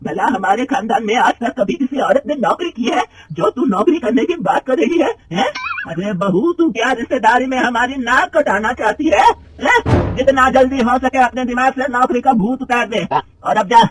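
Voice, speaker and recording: A stern, proud old mother-in-law from a cartoon story, voiced by a man. She drags her words out slowly and her high voice turns shrill as she scolds. Faint noise sits under the voice. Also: lively intonation. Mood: furious. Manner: drawn-out scolding, rising to shrill anger.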